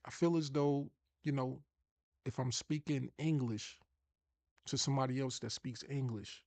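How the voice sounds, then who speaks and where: New york guy from long island doing a motivational coaching talk, gravelly voice, dry close sound. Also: medium pitch, fairly even intonation, unhurried, darkish tone, no room sound. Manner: emphatic, restarts and repeats words. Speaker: online marketing coach.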